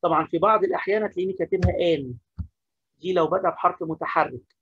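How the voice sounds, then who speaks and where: Egyptian male teacher, quick, husky, questions and answers himself; dry lo-fi sound. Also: high-pitched, fairly bright tone, slight background noise. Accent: Egyptian Arabic. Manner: repeats key points, asks and answers questions himself. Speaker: English teacher. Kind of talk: classroom-style lesson explaining grammar.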